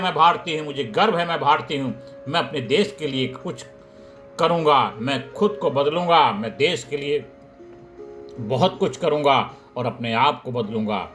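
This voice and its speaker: A man's voice: medium pitch, a bit bright. A man giving a rousing motivational speech, repeating slogans in a chanting rhythm. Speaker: motivational speaker. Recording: faint background music.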